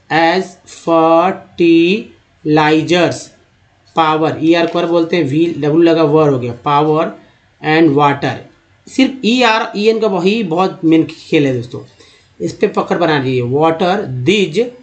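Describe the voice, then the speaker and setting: A man with an Indian accent teaching English reading, spelling words letter by letter and sounding them out slowly. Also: fairly high pitch, a little mellow. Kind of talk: Hindi-language lesson on reading English aloud.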